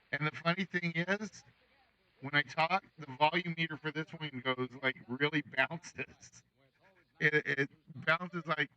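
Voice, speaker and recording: Guy streaming thru a talking-into-a-fan voice filter, rambly chatty, kinda high voice. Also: pushed and bright, no echo, dull audio. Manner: rambling, chatty, thinks aloud. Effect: voice changer preset that sounds like talking into a fan. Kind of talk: casual live-stream chat.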